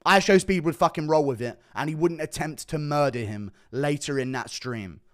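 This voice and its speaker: A man's voice: on the high side, moderate pace, fairly bright tone. A man giving emphatic, profane reaction commentary on a video clip, repeating quoted lines as he goes.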